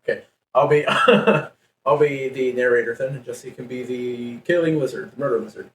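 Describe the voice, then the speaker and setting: A man's voice: mid-range voice, fairly even intonation, normal speed, fairly bright tone. A man who hosts a podcast reads a story aloud to his guests in a playful way, laughing now and then. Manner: playful, laughs while reading. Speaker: podcast host. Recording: echoey, distant mic with faint background noise.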